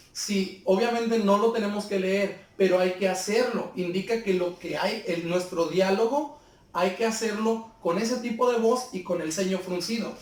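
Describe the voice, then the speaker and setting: A man's voice: sits high, a little mellow. A male teacher giving a patient lesson to pupils, explaining step by step and asking them questions. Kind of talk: remote class lesson. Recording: very echoey room, far from the mic.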